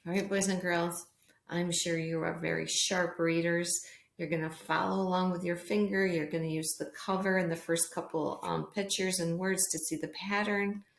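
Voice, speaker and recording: A woman plays a kindergarten teacher in a read-along lesson, speaking simply to small children as though reading to them. Her fairly low voice has a level tone, normal speed and vocal fry. The room gives a noticeable echo.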